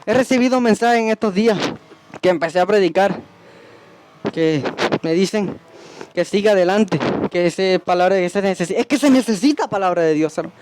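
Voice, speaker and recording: High-voiced stern man preaching. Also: normal speed, long pauses, background noise. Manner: stern, forceful preaching with repeated commands. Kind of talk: sermon.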